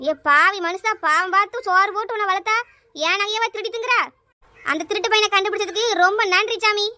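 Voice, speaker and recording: A woman doing a shrill wailing village wife. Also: fairly quick, pushed and bright, dry recording, clean studio sound, full character voice. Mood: furious. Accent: Kanyakumari Tamil. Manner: wailing, hot-tempered.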